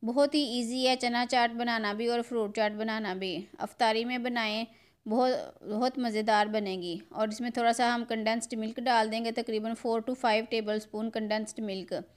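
A woman's voice: fairly high pitch, fairly even intonation, normal speed, smooth. A middle-aged woman, walking viewers through a recipe step by step in her home kitchen. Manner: homely, step-by-step instructions addressed to viewers. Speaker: cooking channel host. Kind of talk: home cooking tutorial narration.

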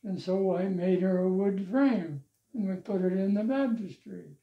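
Relaxed and reminiscing, an older, high-voiced man who has belonged to his church for years talks slowly about his life and church work and chuckles from time to time. He sits in a living-room armchair, recorded on a lavalier mic that sounds roomy and slightly dull.

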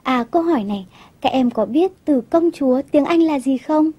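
Gentle high-voiced woman teacher, lo-fi. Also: expressive, normal speed. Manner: gentle, coaxing questions to children. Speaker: English teacher. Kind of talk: storytelling TV lesson for children.

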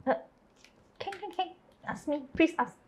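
A woman's voice: very high voice, a little slow, darkish tone, a little hiss or hum. A woman playing a chatty, blunt Singaporean character in a comedy series, speaking colloquial Singlish with lah and lor. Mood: curious. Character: chatty, blunt Singaporean Indian woman raised in a Chinese household. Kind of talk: scripted comedy series dialogue.

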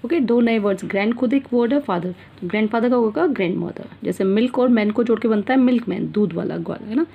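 Husky Indian woman teaching grammar. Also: a little high, quick pace, few pauses, phone-quality sound. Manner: mixes Hindi and English, calls pupils "beta", repeats and checks "theek hai na". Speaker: school teacher. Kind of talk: online English grammar lesson.

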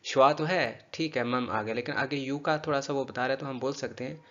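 Man, language teacher, patient, repeats words slowly, dull lo-fi recording. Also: mid-range voice, steady tone, a bit bright. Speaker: English pronunciation teacher. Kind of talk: spoken language lesson.

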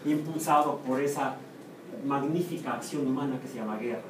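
Mexican professor lecturing in an echoey classroom. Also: male voice, mid-range voice, fairly quick. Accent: Mexican Spanish. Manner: lively, chatty, asks the class questions and answers them himself. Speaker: university biomathematics professor. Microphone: room or camera mic from a distance. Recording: echoey classroom, far from the mic, noisy.

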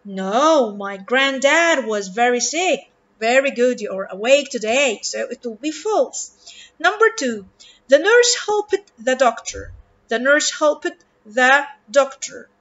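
A woman with an Arabic accent teaching an English reading lesson, speaking slowly and deliberately and stretching out words for her pupils. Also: sits high, big pitch swings, fairly bright tone, muffled recording. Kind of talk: recorded online lesson.

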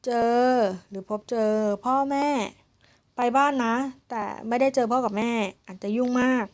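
Young female language tutor, slightly high voice, patient and polite, slow step-by-step delivery. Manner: slow, syllable-by-syllable explanation with frequent polite particles. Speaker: Korean language teacher. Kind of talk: spoken grammar lesson.

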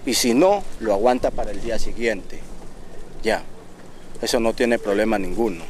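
Speaking at a normal speed in a fairly low voice, a young Ecuadorian waste picker gives an earnest, proud documentary interview outdoors at a landfill. He often repeats words and restarts, and the handheld interview mic picks up a little hiss or hum.

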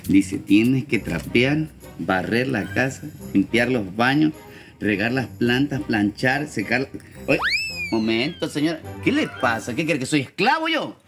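A man's voice: medium pitch, big pitch swings, a little slow, music in the background. An actor in a TV sitcom playing a cheeky son-in-law who complains and mocks his mother-in-law. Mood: indignant. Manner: mocking, complaining, theatrical. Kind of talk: TV sitcom acting.

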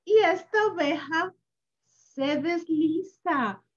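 A woman reading a picture book aloud to young children in a slow, sing-song, animated way, adding sound effects and asking the child questions. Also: very high voice, dull audio. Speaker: children's story reader.

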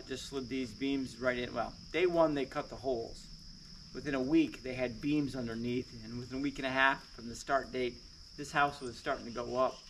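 A man's voice: mid-range voice, fairly bright tone, slight background noise, poor audio. Chatty man touring his basement. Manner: chatty, plainspoken, with frequent "uh" fillers. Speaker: woodworking channel host. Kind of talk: casual walkthrough vlog. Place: basement under a lifted house.

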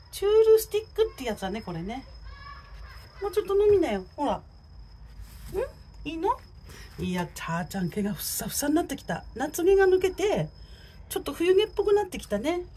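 A woman's voice: high-pitched, warm tone, a little hiss or hum. A woman chatting to a neighborhood cat while filming it on a phone outdoors, coaxing and teasing it. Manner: chatty, coaxing, talks to the cat in a sing-song voice.

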